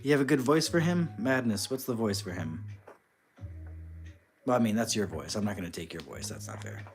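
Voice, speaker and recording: A man with a lowish voice chats easily with his live-stream viewers, answering the chat as he works on a craft project. Soft music plays faintly underneath. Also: fairly quick. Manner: relaxed, chatty, reading and answering chat while crafting.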